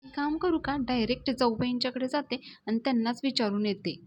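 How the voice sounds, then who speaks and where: A woman voicing a lovesick, tearful young woman who pleads and whines in a fairly high voice. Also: a little fast, a little mellow, dull audio, close to an everyday voice. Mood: lovesick pleading.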